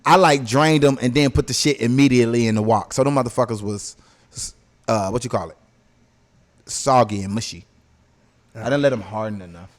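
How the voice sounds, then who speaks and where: A man's voice: mid-range voice, fairly quick, pauses often. A man hosting a podcast, telling stories in casual, profane slang and often checking that listeners follow. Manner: slangy, profane, repeatedly checks with "you know what I'm saying". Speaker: podcast host.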